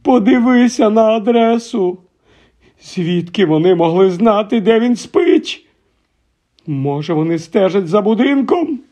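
A man voicing a panicky middle-aged aunt in an audiobook, high and trembling. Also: unhurried, long pauses, dark tone, heavily acted. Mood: anxious. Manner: high, trembling, breathless pleading. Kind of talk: audiobook character voice.

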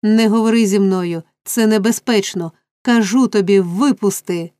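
A woman's voice: mid-range voice, takes it slowly, warm tone, no room sound, studio quality, lightly acted. A woman voicing a violent, furious male robber in an audiobook reading, barking short snarled commands.

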